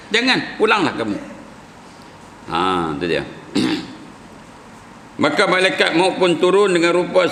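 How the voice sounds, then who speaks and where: A man with a Malaysian Malay accent giving a mosque lecture, putting questions to the audience and chanting Arabic phrases slowly, clearing his throat now and then. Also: high-pitched, sharp tone, slight background noise. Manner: conversational, asks the audience questions and answers himself. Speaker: religious teacher. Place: mosque hall. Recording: echoey mosque hall.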